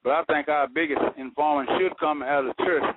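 A man's voice: on the high side, fairly even intonation, fairly quick. A man calling into a radio show over the phone, talking in an earnest, folksy way with homespun sayings. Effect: heard over the phone. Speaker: radio call-in caller. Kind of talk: casual call-in talk. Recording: tinny phone line with static.

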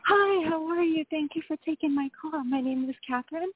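A woman calling in to a radio show over a phone line, polite and tentative with many pauses. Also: high voice. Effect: caller heard over a phone line. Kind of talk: casual call-in question.

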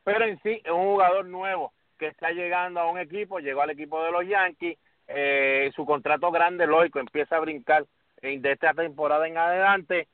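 A man hosting a casual sports podcast, talking in an animated way and calling his co-host by name. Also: on the high side, brisk, dry recording. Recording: tinny phone-like audio.

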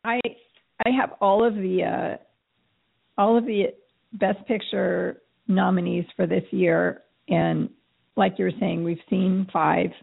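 Woman co-host, casual talk, down with a cold, raspy and gravelly, tinny phone-like sound. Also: fairly low pitch, level tone, slow. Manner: agreeable, backchannels often. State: sick with a cold, yawning. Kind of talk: casual conversation.

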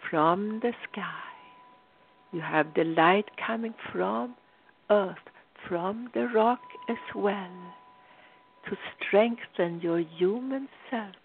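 A woman's voice: medium pitch, slow pace, gravelly, slight background noise. A woman leading a guided meditation in a soothing voice that drifts into whispers. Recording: tinny phone-like sound.

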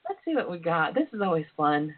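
A woman's voice: lowish voice, very animated, a little fast. A woman hosting a casual radio call-in show, talking in a sassy, flirty way with plenty of endearments. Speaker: talk show host, relationship and intimacy coach. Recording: tinny phone-line internet radio.

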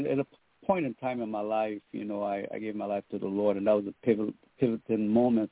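A man's voice: lowish voice, no echo. A middle-aged man from Trinidad and Tobago, a guest on a radio interview, talking earnestly about his faith and work with many fillers. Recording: tinny phone line, dry.

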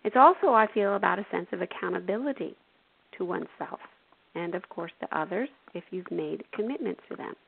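A woman hosts a spiritual self-help radio talk, coaching her listeners gently and often tossing in "you know" and "right". Her voice has a gravelly, fry-tinged edge. It comes through thin and tinny, as over a phone line. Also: fairly low pitch, fairly quick. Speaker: radio show host and intuitive.

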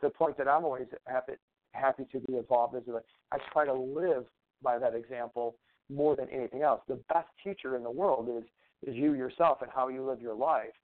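A man's voice: mid-range voice, a little fast. A man guest on a talk show, speaking in a casual, rambling way and often repeating words as he explains his advice. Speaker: guest, natural medicine practitioner. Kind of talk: conversational interview talk. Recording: tinny phone-like line.

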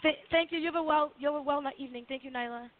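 Woman radio caller on a phone line, kinda high voice, giggly, reads her poems, super tinny. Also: very fast, a little hiss or hum. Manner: giggly, hesitant between readings. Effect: tinny phone-line sound of a call-in caller. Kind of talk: reading her own poetry on air.

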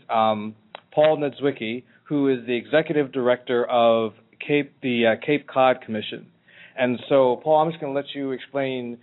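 A man hosting a talk radio interview in a halting, conversational way. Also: mid-range voice. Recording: tinny phone-like internet radio line.

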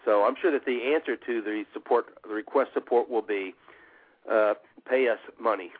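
Husky male call-in show host. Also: fairly low pitch. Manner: halting, repeats himself. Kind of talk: casual talk radio chat. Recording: muffled lo-fi internet radio audio.

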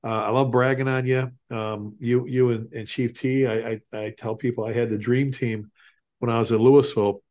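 Male podcast host, mid-pitched, chatty and rambling, circling back over his words. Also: fairly even intonation, normal speed, darkish tone. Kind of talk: casual chat.

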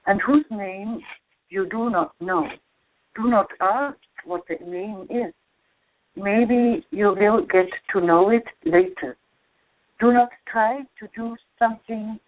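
A woman analyst giving a formal lecture, reading quotations slowly and carefully, heard from an old audio cassette recording. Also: mid-range voice, no room sound. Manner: slow and measured, reads quotations with care. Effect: old audio cassette recording played on radio. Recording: muffled, narrow lo-fi cassette tape, dry.

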